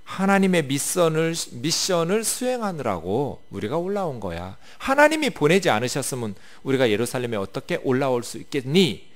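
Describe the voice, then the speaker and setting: A man's voice: on the high side, big pitch swings, normal speed, few pauses. A man voicing an arrogant enemy army commander who taunts with mocking rhetorical questions. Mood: scornful.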